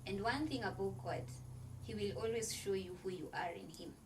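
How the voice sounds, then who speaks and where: An earnest woman, a guest on a podcast, walks through her points one at a time in a preacherly faith-based motivational conversation, filling her loose phrasing with frequent "like." Her middle-pitched voice moves at normal speed, recorded from a little way off the mic with a faint background hiss.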